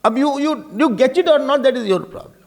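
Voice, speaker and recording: This spiritual talk comes from an Indian-accented man whose very high, slightly mellow voice is animated and brisk. He repeats himself for emphasis, poses rhetorical questions, and slips Hindi phrases into English.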